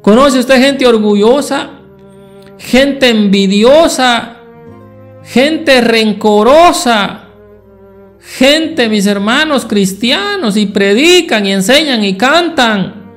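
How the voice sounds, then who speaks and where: High-voiced, slow preacher. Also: male voice, expressive, fairly bright tone, soft background music. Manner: rhetorical questions to the congregation. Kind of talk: Sunday school sermon.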